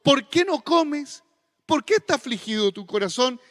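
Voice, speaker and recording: A Chilean male pastor voicing a pleading biblical husband, asking slow tender questions. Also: extremely high pitch, expressive, fairly bright tone, voice pushed up. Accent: Chilean Spanish. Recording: long church reverb.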